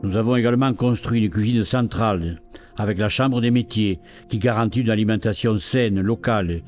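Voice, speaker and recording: This man's voice is lowish and darkish in tone, moving at a moderate pace over faint background music. In a promotional interview as an elected local official, he earnestly testifies to local achievements, asking questions and answering them himself.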